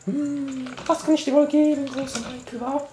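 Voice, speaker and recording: A man voicing a sweet, teasing female great fairy in a high, mocking falsetto. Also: flat delivery, normal speed, dark tone, roomy sound, faint music behind.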